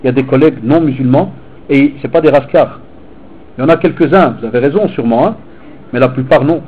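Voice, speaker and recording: A man, a teacher and preacher, giving an animated, informal sermon to teenagers and mixing street talk with religious phrases. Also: mid-range voice, quick pace, husky, phone-quality sound. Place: hall in Belgium.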